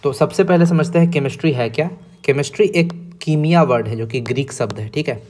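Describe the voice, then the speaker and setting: A man teaching an exam-prep lesson, explaining step by step and often pausing to check in with his students. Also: fairly high pitch, darkish tone.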